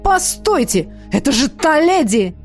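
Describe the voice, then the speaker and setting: A woman voicing a furious man who shouts accusations full of hatred. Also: sits high, sing-song, unhurried, soft background music, voice pushed up. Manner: angry, hateful shouting. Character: furious male fairy accuser.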